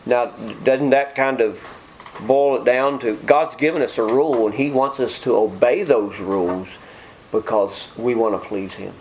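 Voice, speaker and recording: A man's voice: mid-range voice, moderate pace, a little mellow, a little hiss or hum, poor audio. A middle-aged man preaching an informal sermon, joking with his congregation. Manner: folksy, joking asides to the congregation.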